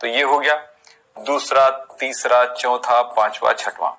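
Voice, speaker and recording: Bright-voiced male chemistry teacher explaining. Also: medium pitch, steady tone, measured pace, low-quality recording. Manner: explains step by step, counting aloud, asking rhetorical questions. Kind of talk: classroom lecture on chemistry naming.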